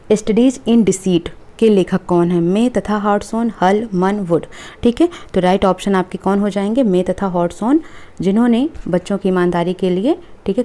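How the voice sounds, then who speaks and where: In an exam review lesson, a female teacher with a lowish, dark voice works through the questions. She reads every multiple-choice option aloud and keeps checking in with the class using "ठीक है".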